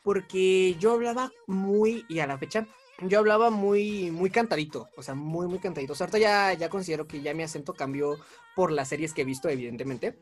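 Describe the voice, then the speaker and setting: A man's voice: high voice, a little fast, faint music behind. A young man with a Mexican accent, chatting as an interview guest, talkative and self-mocking, laughing often. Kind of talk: casual chat.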